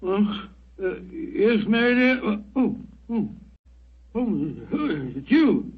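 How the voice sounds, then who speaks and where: An actor playing a loyal, bumbling older English doctor in 1940s radio style, with a flustered, stammering British delivery. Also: male voice, sits high, sing-song, slow, slightly rough, full character voice. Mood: weary, glum. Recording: muffled old radio recording.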